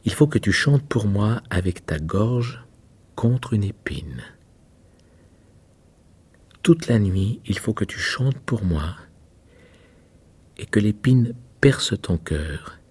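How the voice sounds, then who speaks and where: A man voicing a grave, wintry red rosebush, slow, solemn and at times hushed. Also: deep voice, slightly rough.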